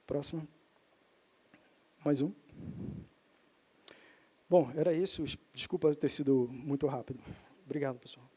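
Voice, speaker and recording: At a seminar auditorium, a male professor gives a technical talk on lake pollution as part of a panel on water science. His slightly high, warm voice moves unhurriedly with long pauses and some restarts, and he explains things while frequently adding the tag question "né?". There is slight background noise.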